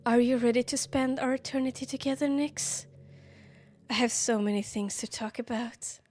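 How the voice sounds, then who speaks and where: A woman reading aloud as a lovestruck, self-aware teenage game girl, soft and earnest in her devotion. The voice sits a little high and stays tender throughout. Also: steady tone, normal speed, lightly acted. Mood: affectionate.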